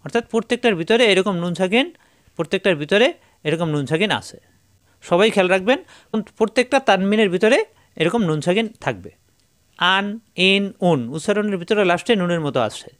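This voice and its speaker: A male Quran teacher giving a patient step-by-step recitation lesson, slowly repeating each syllable for his learners. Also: high-pitched, lively intonation, a bit bright, no echo, clean studio sound.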